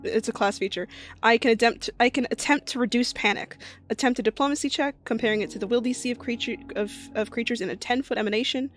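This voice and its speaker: A woman's voice: a little high, fast talker, faint music behind. A woman playing a tabletop game, chatting casually and explaining the rules. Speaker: player.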